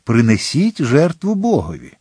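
A man's voice: medium pitch, wildly swooping pitch, unhurried, dark tone, breathy edge, no echo, studio quality, voice pushed up, exaggerated voice. A man voicing a courteous, subtly vain young man who argues his theology politely in an audiobook. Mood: polite earnest. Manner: courteous with a hint of irritation.

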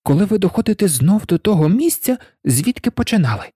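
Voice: medium pitch, big pitch swings, a little fast, dark tone, husky, dry recording, clean studio sound, voice pushed up. A reader voicing a curious, polite young girl in a storybook, asking questions in an inquisitive manner. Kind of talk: storybook reading.

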